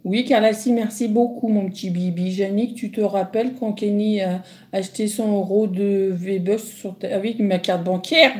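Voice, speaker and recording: A woman's voice: medium pitch, fairly even intonation, normal speed, a little mellow. A middle-aged woman chatting casually on a phone livestream, answering viewers with lots of hesitant fillers. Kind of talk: casual live chat reading comments.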